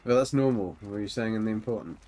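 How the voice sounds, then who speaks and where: A man's voice: fairly low pitch, fast talker, a little mellow, slight background noise. A man giving chatty, cheeky commentary while playing a video game. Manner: chatty, cheeky, laughs often. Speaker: streamer. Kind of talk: casual gameplay commentary.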